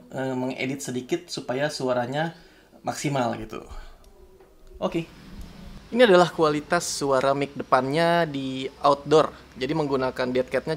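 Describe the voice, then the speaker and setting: A man with an Indonesian accent, talking casually to camera outdoors while he tests a camera-top microphone aloud. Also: medium pitch. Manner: chatty, testing mic aloud. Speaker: tech reviewer. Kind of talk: casual vlog demo. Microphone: camera-top microphone, turned front and back.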